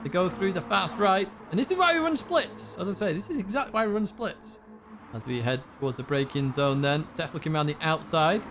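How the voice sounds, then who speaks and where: Male sim-race caster, high and very animated, chatty, faint game noise behind. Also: brisk. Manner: excitable, chatty, laughs along. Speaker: race commentator. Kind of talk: live sim racing commentary.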